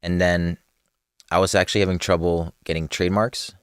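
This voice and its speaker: A man's voice: deep voice, little pitch movement, fairly quick, clean tone, no room sound, studio quality. A young man from New chatting casually as a podcast guest, laid-back, laughing often and using street slang. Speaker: podcast guest, clothing brand co-owner.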